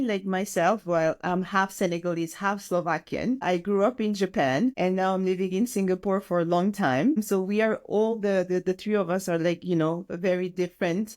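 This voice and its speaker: A woman's voice: medium pitch, a little mellow. A woman in her forties hosting a podcast over a video call, casual and hesitant, with lots of fillers and restarts. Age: 40s. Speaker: podcast host. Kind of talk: casual conversation. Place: Singapore.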